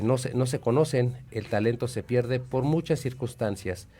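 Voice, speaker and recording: A man with a Mexican accent hosting an educational radio talk show, explaining in a measured way with hesitant fillers. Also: lowish voice, mellow.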